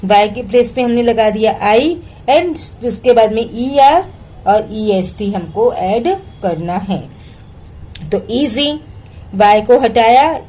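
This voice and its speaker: A woman with an Indian accent gives a grammar lesson to children, speaking slowly and deliberately. Her voice sits fairly high but has a soft, mellow tone. She keeps asking her pupils questions and answering them herself, spelling words out letter by letter. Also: rough recording. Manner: explains in Hindi mixed with English, asks and answers her own questions. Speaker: English teacher.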